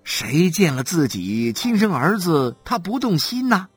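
An audiobook reader voicing a neighbor who gently coaxes and persuades, with soft music behind. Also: mid-range voice, big pitch swings, measured pace, breathy edge, dry recording, voice pushed up. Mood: coaxing. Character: coaxing nosy neighbor. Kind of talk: audiobook character voice.

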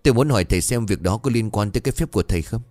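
A man's voice: on the low side, expressive, very fast, a little mellow, no room sound, lightly acted. A man voicing an anxious, agitated middle-aged businessman in a ghost story, asking urgent questions.

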